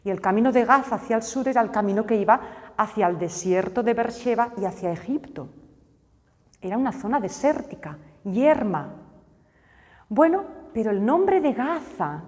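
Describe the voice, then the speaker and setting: A woman's voice: mid-range voice, very animated, moderate pace, a little mellow, in a large hall. A woman teaching a Bible lesson, telling the story expressively and acting out the characters' lines.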